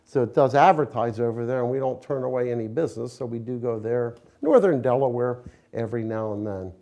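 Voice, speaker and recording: An American business owner, interviewed about his window company for promotion, speaks fairly quickly. His medium-pitched voice is mellow, and he explains in a conversational, down-to-earth, folksy manner.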